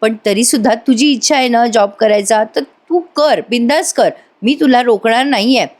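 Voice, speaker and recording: A woman reads out a middle-aged father calmly reassuring his daughter, gentle and steady. She barely changes her own voice for him. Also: on the high side, normal speed, pitched above the performer's own voice, natural voice. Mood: soothing.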